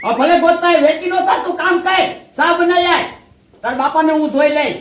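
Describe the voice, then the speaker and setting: Man acting old village grandpa, drawling and fond, high voice, far off, echoey. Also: a little fast, a bit bright. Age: older. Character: kindly village grandfather, indulgent and talkative. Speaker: actor in a village comedy skit. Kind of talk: amateur comedy film acting.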